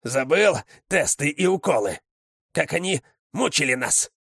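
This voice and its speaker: A man's voice: fairly high pitch, expressive, measured pace, creaky, a bit bright, husky, no echo, studio quality, pitched above the performer's own voice, exaggerated voice. Man doing a snarling vicious she-dog. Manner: snarling, growled.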